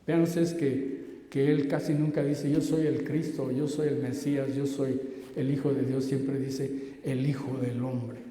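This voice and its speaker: A man preaching a sermon as pastor, swinging between loud emphasis and hushed asides. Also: medium pitch, little pitch movement, a little slow. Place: church hall. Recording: echoey church hall.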